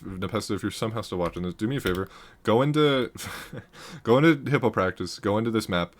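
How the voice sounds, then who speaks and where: A low-voiced man casually analyzes a match as a gaming commentator, breaking down the gameplay. He rambles, corrects himself, laughs often and gets loud when excited.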